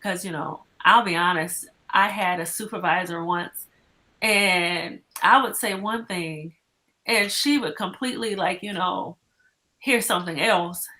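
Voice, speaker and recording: A woman's voice: on the low side, a little slow, pushed and bright. A woman in a casual chat, talking in a reflective, explaining way with lots of "like" and "you know".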